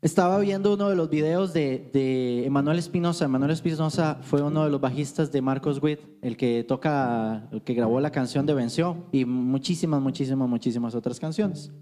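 A man's voice: medium pitch, moderate pace, few pauses, dark tone, faint music behind. A man teaching on worship, telling stories in a loose, conversational way. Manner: conversational storytelling with anecdotes.

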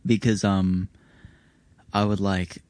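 Casual young male guest, broad Kiwi accent, lowish voice, close dry sound, rambling and slangy. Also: little pitch movement, slow, darkish tone, dry recording. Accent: broad New Zealand. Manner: laid-back, slangy, rambling. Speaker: musician guest on a music show. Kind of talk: casual chat.

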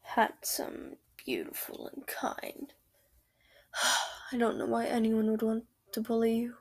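A woman voicing a doting, protective girlfriend who comforts her sad partner in a soft whisper, in an ASMR roleplay. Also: on the high side, sing-song, slow pace, vocal fry, exaggerated voice. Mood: affectionate.

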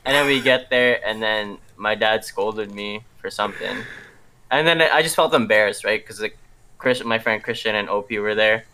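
A man's voice: lowish voice, moderate pace, pushed and bright, poor audio. A young adult man chatting casually in street slang, full of bro, man and swearing. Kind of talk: casual chat.

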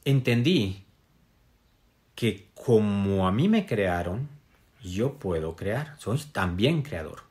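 A man's voice: lowish voice, sing-song, takes it slowly, a little mellow. A man giving a casual spiritual wellness talk to an audience. He speaks reflectively, with many fillers and tag questions. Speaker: motivational speaker.

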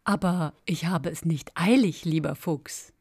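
A woman voicing a content, unhurried little snail in a bedtime story, speaking gently and slowly. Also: sits low, husky, full character voice. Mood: calm. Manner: gentle, easygoing.

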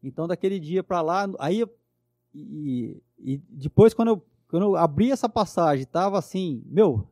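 A man speaks in a notably high but soft, mellow voice. He tells a personal story with earnest fervor, often checking in with little tag questions. The sound is close and dry, with no room echo. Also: animated, normal speed. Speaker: guest. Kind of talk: personal testimony in conversation.

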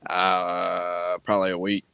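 A man's voice: deep voice, monotone, takes it slowly, vocal fry, bright, forceful tone, smooth, no echo. A man co-hosting a casual podcast, laid-back, chuckling and swearing casually. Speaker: podcast co-host.

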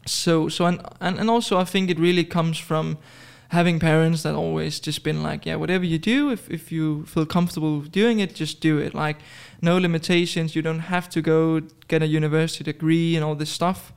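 A man's voice: a little high, fairly even intonation, fairly quick, vocal fry, hardly any pauses, clean tone. A man in his twenties from Denmark, chatting casually as a podcast guest, hesitant with many fillers and restarts. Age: 20s. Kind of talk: casual interview chat.

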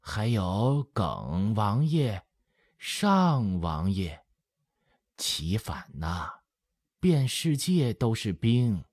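A man's voice: on the low side, very animated, darkish tone, no echo, voice pushed up, full character voice. A man voicing a very old, hard-of-hearing village grandmother who rambles and sighs in an audiobook. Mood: reminiscing. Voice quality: slow, breathy, muttering old voice. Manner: rambling, sighing, lamenting. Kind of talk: audiobook character voice. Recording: dry close studio sound.

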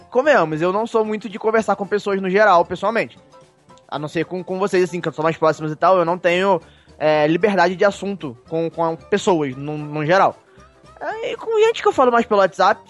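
A man co-hosting a casual podcast chat, rambling with frequent stammered restarts. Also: sits high. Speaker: podcast co-host.

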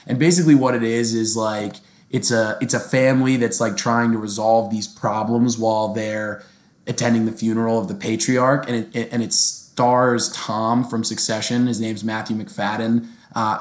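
Young male co-host, lowish voice, loose and profane, rambles with restarts. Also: roomy sound. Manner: swearing, joking, rambling with restarts. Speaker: podcast co-host. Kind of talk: casual chat.

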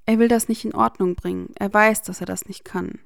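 A woman narrating a fan fiction as an audiobook reading, expressive and measured. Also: medium pitch, gravelly, dry recording, clean studio sound.

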